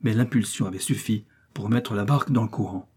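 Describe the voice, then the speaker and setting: A man reads a classic novel aloud in a measured, steady manner. His voice is low, dark and mellow, with a husky grain. He keeps an even storytelling pace. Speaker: audiobook narrator. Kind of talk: literary audiobook narration.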